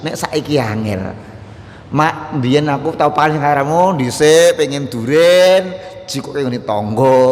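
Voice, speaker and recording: A man with a Javanese accent preaching a humorous mosque sermon, acting out quoted dialogue and rising to loud, emphatic lists. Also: on the high side, slight background noise. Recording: reverberant mosque hall.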